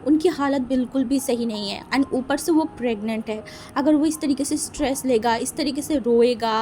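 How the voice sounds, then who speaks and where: A woman voicing a calm hospital doctor giving advice to family. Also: sits high, a little hiss or hum, lightly acted. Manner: calm, advising.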